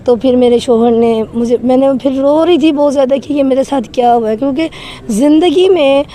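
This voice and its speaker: Her high-pitched, mellow voice carries a slight hiss or hum as she describes something frightening that happened to her. Shaken and trembling, she tells the story earnestly and emotionally during an interview.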